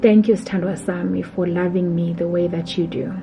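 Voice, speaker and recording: A woman with a South African accent reading a heartfelt, prayerful letter as a voice-over, slow and tender. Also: on the low side, steady tone. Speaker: vlogger. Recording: dull voice-over under loud music. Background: music.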